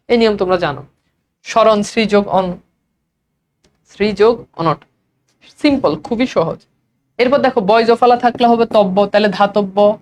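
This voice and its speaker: The speaker, a male teacher from Bangladesh whose voice sits high, leads a repetitive grammar drill for exam preparation in which he answers his own questions.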